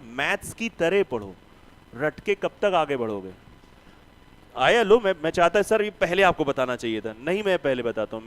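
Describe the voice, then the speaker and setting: A man's voice: mid-range voice, rough recording. A man teaching a math class, who teases and scolds his students and keeps asking them questions. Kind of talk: classroom lecture.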